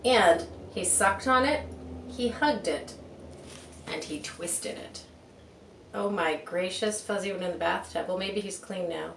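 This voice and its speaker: Reading a picture book aloud for kids, this storyteller uses a lowish, creaky voice at a measured pace. She performs expressively, adding conversational remarks and rhetorical questions, captured on a distant mic in a roomy space with faint noise behind her.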